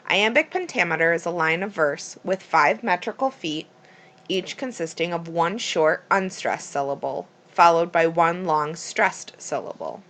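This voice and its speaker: A woman's voice: fairly low pitch, fairly bright tone. A woman reading a school presentation aloud from a script, plainly and steadily.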